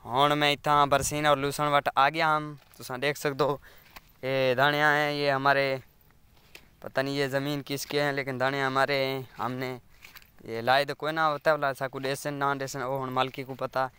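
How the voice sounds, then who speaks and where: A man with a Saraiki accent chats as he walks his fields and films on a phone. His voice is bright and very clear, and he keeps an even, level tone. The close sound is dry, with no room echo. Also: medium pitch, normal speed. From Pakistan. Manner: rambling, chatty, keeps asking viewers to subscribe. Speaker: village vlogger. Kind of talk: casual walking vlog. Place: outdoors among farm fields. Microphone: phone camera.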